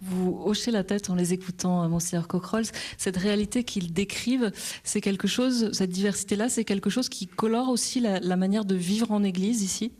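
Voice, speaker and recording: A female radio co-host with a mellow, warm voice. She poses questions to guests with a lively rise in her delivery. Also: mid-range voice, moderate pace. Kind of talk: radio interviewing.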